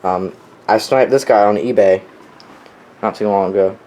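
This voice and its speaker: On a noticeably noisy home recording, a young weather radio collector gives an unscripted show-and-tell of his collection. He speaks at normal speed in a lowish, dark voice, sounding offhand and keen like a hobbyist.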